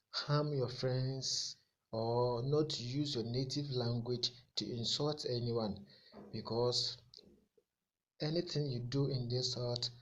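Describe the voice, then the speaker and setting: Speaking with a Ghanaian accent, this Akan-speaking man from Ghana walks through a tech tutorial step by step, mixing two languages. His delivery is casual, hesitant, and repetitive, with a mid-range voice and dull audio.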